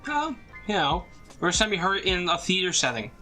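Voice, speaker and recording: A man's voice: sits high, big pitch swings, moderate pace, music in the background. A man co-hosting a casual film review chat, earnest and enthusiastic, with some teasing.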